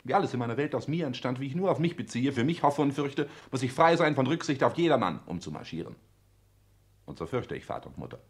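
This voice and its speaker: Haughty and insistent, the actor again plays the cold, ambitious social climber of a 1960s German radio play in a clipped, pompous, formal, declamatory style. His mid-range male voice is very animated and fast.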